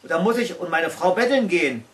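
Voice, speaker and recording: A man's voice: sits high, expressive, fast talker, fairly bright tone, recorded from a distance. A man voicing a worn-out, whining sleigh reindeer in a storybook reading.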